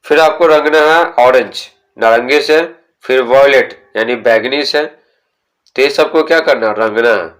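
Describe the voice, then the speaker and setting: A male teacher working through a school textbook, reading each English sentence slowly and then explaining it, asking questions and answering them himself. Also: medium pitch, fairly bright tone. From India.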